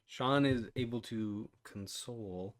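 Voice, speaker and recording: A man's voice: mid-range voice, slow, a crowd in the background. A man running a tabletop game as game master, hesitant and laughing often.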